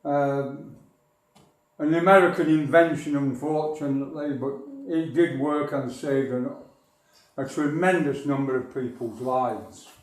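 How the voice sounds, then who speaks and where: A man's voice: medium pitch, unhurried. An older man from northern England, a local history speaker telling a society rambling, wry stories. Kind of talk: anecdotal talk to a society. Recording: echoey hall from far off.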